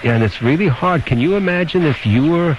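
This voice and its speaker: This radio call-in host speaks a little fast with an expressive voice on the high side, grilling and advising callers in a blunt, opinionated, probing manner. It comes from a studio, captured as a noisy, dull lo-fi AM radio aircheck.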